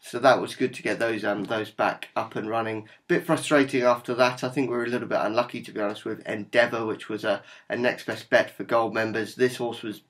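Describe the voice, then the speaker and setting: A man's voice: medium pitch, fairly even intonation, brisk, hardly any pauses, a bit bright. Norfolk-accented man presenting racing tips. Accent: Norfolk English. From Norfolk, England. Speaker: horse racing tipster presenting a daily tips video. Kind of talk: informal video presentation to camera or members.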